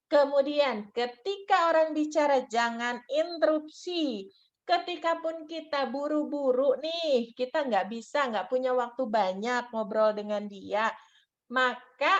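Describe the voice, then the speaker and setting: Lady lecturer, kinda high voice, chatty teaching talk, muffled lo-fi audio. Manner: chatty, repeats "gitu ya", mixes in English terms. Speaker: university lecturer. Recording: dull lo-fi recording.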